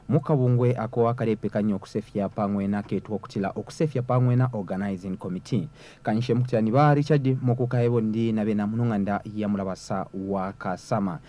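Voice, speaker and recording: Male presenter, Zambian accent, quick delivery, relaxed dark tone. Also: on the low side. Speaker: radio-style programme host. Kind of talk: programme presenting.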